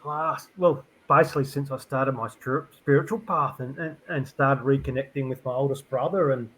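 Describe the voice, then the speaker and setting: A middle-aged man, a podcast guest, talking reflectively in a rambling, halting way full of fillers and restarts. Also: medium pitch, fairly even intonation, a bit bright, poor audio. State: tearful. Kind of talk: reflective conversational interview.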